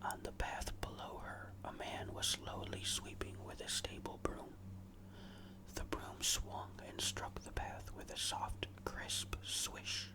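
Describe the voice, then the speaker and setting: A storyteller reads a ghost story as ASMR, never rising above a whisper. The delivery is hushed, deliberate and suspenseful, with no voiced tone at all, as scripted narration for close listening. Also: rough recording. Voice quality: fully unvoiced whisper.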